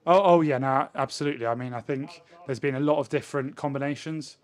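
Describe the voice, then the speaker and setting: A professional rugby winger in his twenties answers questions in a measured way during a post-match interview. He has a medium-pitched voice and stands indoors before a sponsor backdrop, speaking into a handheld mic held at chest height.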